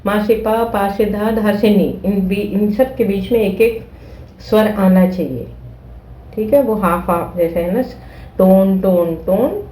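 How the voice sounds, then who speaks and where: A woman's voice: medium pitch, measured pace, mellow, reverberant, a little hiss or hum, poor audio. A woman teaching flute who explains patiently, repeating steps and checking that listeners follow. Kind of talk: explaining a music lesson.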